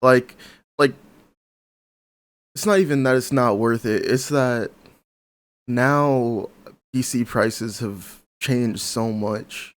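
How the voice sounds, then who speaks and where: A young man chatting casually on a podcast, talking fast and enthusiastically about tech and swearing freely. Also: medium pitch. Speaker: podcast guest. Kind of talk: casual chat.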